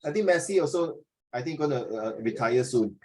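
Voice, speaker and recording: With lively intonation and a darkish, middling-pitched voice, a Singaporean man in his fifties moves briskly through an informal class discussion. He thinks aloud like a teacher, echoing phrases and tagging sentences with questions and small particles.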